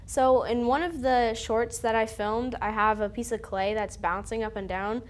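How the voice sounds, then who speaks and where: A woman's voice: medium pitch, darkish tone. A teenage girl, a student filmmaker, chatting in an interview with many fillers. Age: teens. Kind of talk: casual interview.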